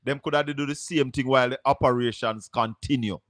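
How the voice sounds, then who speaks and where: A Jamaican man hosting a live call-in radio show, talking in brisk, direct patois. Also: medium pitch, steady tone, fairly bright tone, no echo, clean studio sound.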